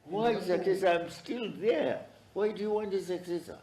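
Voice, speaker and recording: A man's voice: high-pitched, moderate pace, mellow. A man talking in an echoey, noisy recording. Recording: echoey room, clearly noisy.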